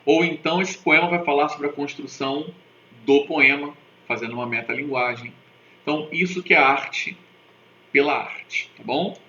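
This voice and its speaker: A man's voice: a little high, moderate pace, bright, forceful tone. A male teacher giving a recorded literature lesson, explaining step by step and often checking in with his viewers. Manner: didactic, keeps checking in with "tá?" and "né?"; spells out sounds and has viewers repeat them. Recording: echoey, dull lo-fi room recording with faint noise.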